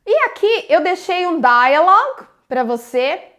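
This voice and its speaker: A woman's voice: very high voice, expressive, a little slow, fairly bright tone. A woman with a Brazilian Portuguese accent teaching English in a live online lesson, explaining step by step and often adding "né?". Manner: explains step by step, tags sentences with "né?".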